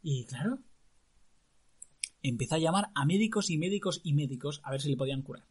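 A man telling a folk tale aloud to a listener in a lively, earthy, colloquial way. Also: fairly high pitch, a little fast, husky. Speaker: storyteller.

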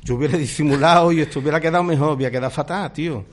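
A man's voice: a little high, rapid-fire. A man chatting as a radio guest, easygoing and self-deprecating, often calling the host 'tío'. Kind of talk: casual radio chat. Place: radio studio.

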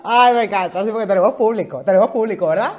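A woman with a Venezuelan accent hosting her own podcast, chatting in an animated, joking way full of swearing and quick asides. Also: medium pitch, background noise. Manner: animated, swearing, rapid asides and playful mock voices. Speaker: podcast host. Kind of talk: casual comedic monologue. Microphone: headphones with mic.

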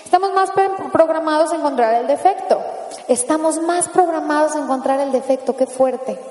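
A woman with a Mexican accent speaks to an audience in a lively motivational talk, tossing out rhetorical questions and playful asides. Her voice sits high. The sound rings with the long reverb of a large hall. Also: normal speed. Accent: Mexican Spanish.

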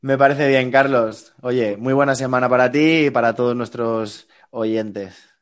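A man with a Spain Spanish accent, co-hosting a casual sports podcast, joking and easygoing, hoarse today. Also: mid-range voice, steady tone, measured pace. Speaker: podcast co-host.

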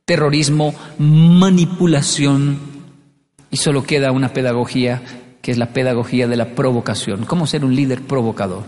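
A man's voice: mid-range voice, moderate pace, a little mellow, big-room sound. A man giving a humorous motivational stage talk, telling stories and acting out scenes. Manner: storytelling, acts out scenes. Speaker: motivational speaker.

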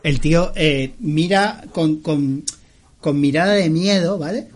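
A man running a tabletop game as game master, with a fairly high-pitched voice. He explains rules at length and keeps checking in with his players. Now and then he laughs along with the table. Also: slow pace.

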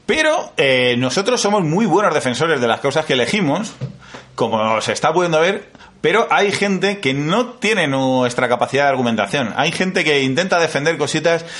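A man from Spain co-hosting a podcast, talking with ironic, deadpan humor. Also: on the high side, normal speed. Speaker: podcast co-host. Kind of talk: casual comedic chat.

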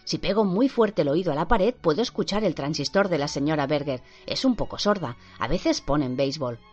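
Una mujer lee con voz propia a un niño maltratado que relata, tenso y entrecortado, su encierro. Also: female voice, deep voice, lively intonation, fairly quick, a little mellow. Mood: fearful. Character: frightened abused young boy recounting. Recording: dull lo-fi with faint music.

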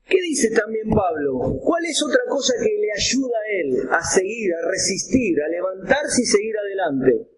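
A man with an Argentine accent preaching a sermon, acting out examples and breaking into shouts. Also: sits high, moderate pace. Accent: Argentine Spanish. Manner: animated, acts out examples with props, bursts into shouts. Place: church hall. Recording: roomy hall echo, faint ambient noise.

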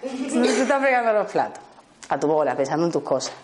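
A woman with a Spanish accent, teaching a small group in a lively way, acting out short exchanges and often checking in with her listeners. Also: fairly low pitch, brisk, a little hiss or hum. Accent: Spanish from Spain. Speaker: workshop teacher.

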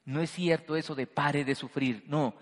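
A man preaching a sermon to a congregation, swinging between loud emphasis and quiet, hushed lines. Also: on the high side, steady tone, normal speed. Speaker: pastor. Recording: long hall reverb.

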